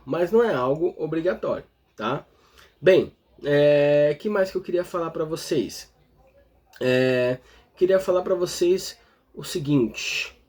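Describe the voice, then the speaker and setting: A man's voice: a little high, a little mellow, breathy edge. A man from Brazil with a Brazilian Portuguese accent, teaching an English grammar lesson step by step and often checking in with the viewer. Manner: explains step by step, constantly checking in with the listener. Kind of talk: explanatory online lesson.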